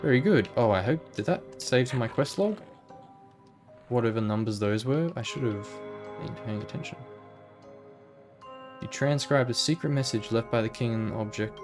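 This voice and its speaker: Casual guy narrating his gameplay, thinking out loud, middle voice, soft music behind. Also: medium pitch, normal speed, pauses often. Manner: chatty, muses aloud, reads game text aloud. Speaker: let's play gamer.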